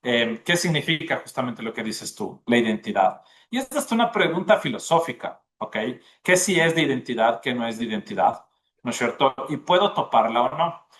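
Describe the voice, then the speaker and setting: A man's voice: medium pitch, sing-song, moderate pace, a bit bright. A man, a gastronomy school dean, explaining at length in a podcast interview and often checking in with the listener. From Ecuador. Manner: explanatory, often tags "¿no es cierto?".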